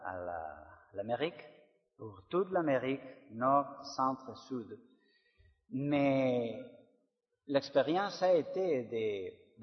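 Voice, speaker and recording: Slow, halting Spanish-accented pastor in French. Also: male voice, medium pitch. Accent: foreign Spanish accent in French. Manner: halting, searching for words in broken French. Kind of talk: sermon-style testimony to a congregation. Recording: dull sound in a long-reverb hall.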